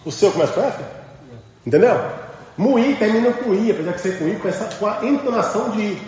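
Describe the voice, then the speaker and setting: A man's voice: high voice, animated, a little fast, a little mellow. A man teaching a religious class in a temple, emphatic and full of rhetorical questions to his students. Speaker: spiritual teacher. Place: large temple hall. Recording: echoey hall with dull lo-fi sound.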